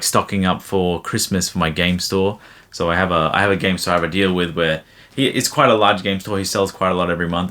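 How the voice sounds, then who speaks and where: Low-voiced young man chatting. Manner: rambling, relaxed, lots of fillers. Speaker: YouTube card seller answering viewer questions. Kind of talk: casual chat.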